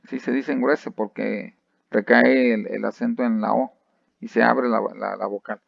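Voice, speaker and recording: A man's voice: medium pitch, fairly even intonation, unhurried, gravelly, dry recording. A man with a Mexican accent giving a conversational lecture on thesis methodology, full of fillers and restarts, often checking in with rhetorical questions. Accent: Mexican Spanish. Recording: dry, dull lo-fi recording.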